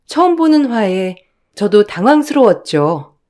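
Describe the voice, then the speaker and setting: A woman telling a marital story in the first person. She narrates in a calm, soft tone and voices her own side of the arguments. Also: mid-range voice, a little slow.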